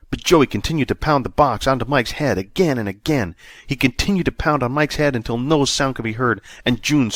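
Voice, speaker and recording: A man narrating a sci-fi audiobook in a steady, measured storytelling manner. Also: mid-range voice, dry recording. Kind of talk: scripted narration.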